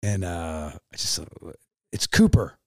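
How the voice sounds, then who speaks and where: Midwest guy, 30s, low voice, stumbles n repeats while he tells it, dry close mic. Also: lively intonation, a little mellow, no room sound. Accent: American Midwest. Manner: halting, repeats himself, calls the host man. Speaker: podcast guest. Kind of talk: emotional storytelling interview.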